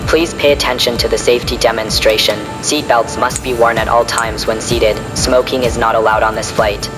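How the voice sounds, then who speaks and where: A man's voice: mid-range voice, normal speed, over music, low-quality recording. Man giving plane cabin announcements. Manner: formal, even announcer delivery. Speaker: in-game airline cabin announcer.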